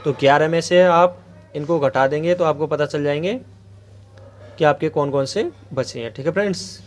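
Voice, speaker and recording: A man with a slightly high voice teaches an exam-prep grammar lesson. He asks his viewers a question, then answers it himself, and keeps checking in with them. He draws out the vowel sounds slowly as he spells them. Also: soft background music. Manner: repeats a check-in phrase to viewers.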